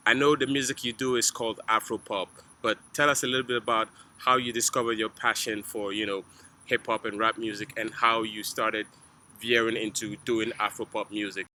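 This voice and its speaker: A man hosting an interview, asking smooth, prepared questions. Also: on the low side, flat delivery, moderate pace, pushed and bright, slight background noise. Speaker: interviewer host.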